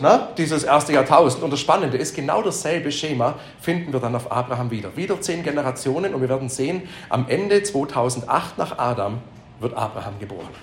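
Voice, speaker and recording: A man's voice: a little high, slight background noise. A man teaching a Bible lesson to a live group, asking them questions and repeating their answers, with emphatic repetitions. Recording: echoey room.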